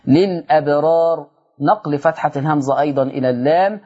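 A man with an Egyptian accent teaching Quran recitation, his voice sitting somewhat high. He moves between quick explanations and long, drawn-out recited words. The audio is dull and lo-fi, like an old broadcast recording. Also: warm tone. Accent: Egyptian Arabic. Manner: brisk explaining broken by slow drawn-out recitation of example words. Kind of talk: televised recitation lesson.

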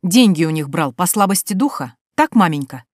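A woman reading an audiobook, voicing a calm, firm young pregnant woman who speaks in a cold, measured way. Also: on the low side, dry recording, clean studio sound.

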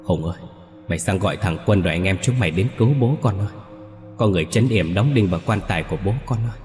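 A man's voice: sits low, fast talker, a little mellow, echoey room, in a large hall, soft background music, close to an everyday voice. A man voicing the sobbing ghost of an old father, pleading in a crying wail. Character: wailing ghost of an old father, pierced with nails.

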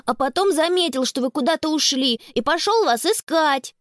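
A woman's voice: high-pitched, animated, moderate pace, no echo, studio quality, voice pushed up. A woman voicing a tearful, stubborn little boy who sulks and complains in a children's storybook. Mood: whiny. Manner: whiny, sulky.

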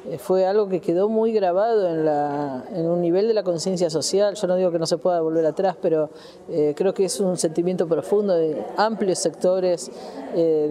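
A woman with an Argentine accent talks as a guest in a radio interview. Her voice sits a little low and sounds warm and mellow. She speaks in a measured, earnest way and fills her pauses with "eh". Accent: Argentine Spanish. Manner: measured, earnest, frequent "eh" fillers. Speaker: feminist activist guest.

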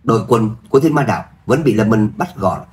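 Man, low voice, audiobook story narration, steady even reading. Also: fast, a little hiss or hum.

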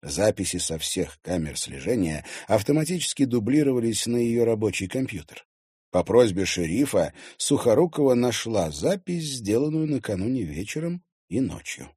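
A male audiobook narrator reads expressively, in a low, dark voice with a husky grain. His pitch rises and falls widely as he tells the story. The sound is dry and close. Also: big pitch swings, moderate pace, dry recording. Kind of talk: scripted narration.

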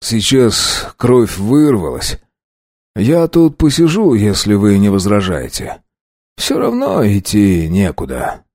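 Guy reading as a dying doc, slow and gentle, low and dark. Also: wildly swooping pitch, no room sound, studio quality, full character voice. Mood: weary. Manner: slow, quiet, gently comforting. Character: weary dying male doctor, calm and kind.

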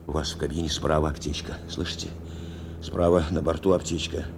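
A male actor with a bass voice plays a steadfast bomber navigator in a war radio drama, also narrating in the first person. Urgent yet reassuring and protective of his commander, he insists earnestly by repeating short phrases, his delivery brisk and flat over a noisy background.

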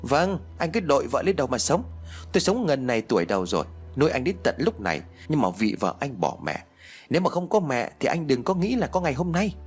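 A man's voice: mid-range voice, very animated, a little fast, slightly rough, soft background music, voice pushed up. A man voicing a bitter older mother, scolding. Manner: scolding, resentful. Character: sharp-tongued older village mother, bitter. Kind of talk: audiobook character voice.

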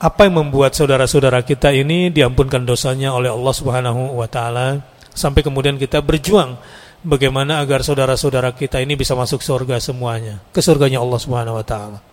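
A man's voice: mid-range voice, steady tone, quick pace. A man preaching to a congregation in a chatty, teasing way, rising to emphatic peaks. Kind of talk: sermon to a live congregation. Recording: hall reverb.

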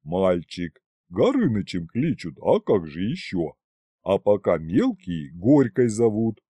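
A man doing a gruff old dragon. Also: fairly low pitch, big pitch swings, takes it slowly, warm tone, dry recording, heavily acted. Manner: rough, growling, blunt. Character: gruff grumbling male three-headed dragon.

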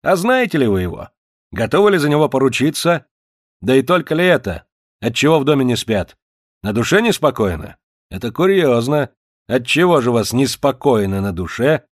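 A man's voice: medium pitch, sing-song, moderate pace, no echo, studio quality, pitched above the performer's own voice, close to an everyday voice. A man voicing a bullying, suspicious Cossack officer who barks commands and interrogates in an audiobook. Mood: interrogating. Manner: barking commands, harsh and interrogating.

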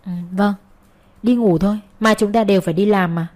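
A woman's voice: mid-range voice, steady tone, brisk, close to an everyday voice. Woman voicing Xuân, a betrayed young wife. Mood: quiet, evasive. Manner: quiet, then shouting in anger.

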